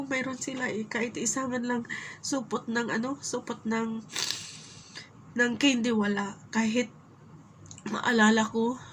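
A woman's voice: on the high side, a little hiss or hum. A middle-aged woman from the Philippines, sick but telling her story in a casual vlog, chatting straight to her viewers and turning emotional at times. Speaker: vlogger. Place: home in Kuwait.

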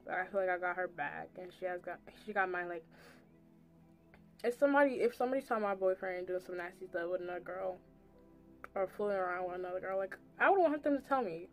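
A young woman with a lowish voice talks fast as she does her makeup, telling a rambling, casual story loaded with slang and "like." She records in a small indoor room with music playing behind her.

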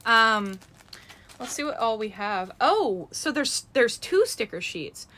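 A young woman chatting casually through a toy unboxing vlog, with many "um" fillers and bursts of excitement. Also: fairly high pitch, slow pace. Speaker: toy collector vlogger.

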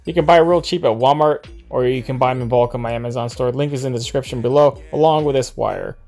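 A man with an ordinary mid-range voice narrates a do-it-yourself boat build in a relaxed, practical way. He talks through each step as he works. Faint music runs quietly underneath. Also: medium pitch, fast talker. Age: adult, father of a son. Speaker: boat-building channel host. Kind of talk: casual how-to narration while working. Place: outdoor driveway workshop beside a boat.

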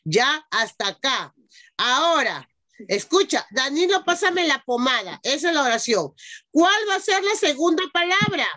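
A woman's voice: sits high, big pitch swings, a little slow, bright, forceful tone. A woman teaching an online class to young children, patiently dictating and sounding out words syllable by syllable over a video call. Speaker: primary school teacher.

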